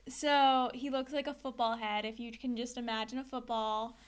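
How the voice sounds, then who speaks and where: A woman's voice: on the high side, steady tone, normal speed, smooth. A woman co-hosting a podcast, chatting casually and gushing with frequent laughs. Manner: gushing and giggly. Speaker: podcast co-host. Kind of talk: casual chat.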